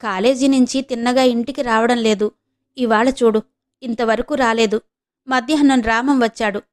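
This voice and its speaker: A sharp-tongued, stern mother of grown daughters, put on by a woman reading an audio novel. She rebukes in a fairly high voice. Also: lightly acted. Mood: worried. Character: stern scolding middle-aged mother.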